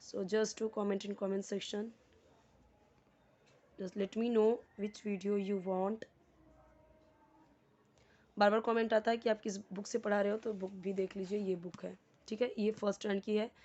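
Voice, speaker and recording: A woman teaching to Hindi speakers, reading sentences slowly and then explaining them word by word. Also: medium pitch, level tone, darkish tone, muffled recording. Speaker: English teacher. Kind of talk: explaining a lesson.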